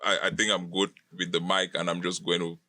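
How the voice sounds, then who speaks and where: A man's voice: low-pitched, level tone, fairly quick, bright, forceful tone, no room sound. A man hosting a podcast, enthusiastic and laughing often, asking questions with many restarts. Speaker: podcast host. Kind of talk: casual interview chat.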